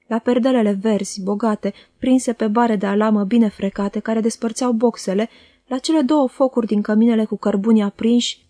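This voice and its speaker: A woman's voice: fairly high pitch, mellow, no room sound, clean studio sound. Woman reading a novel aloud. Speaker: audiobook reader. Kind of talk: scripted narration.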